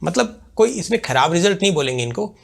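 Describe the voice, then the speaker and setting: A man's voice: sits high, very animated, fast, creaky. A man hosting a weekly stock market analysis, explaining in a conversational way with everyday analogies. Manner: conversational, thinks aloud with fillers.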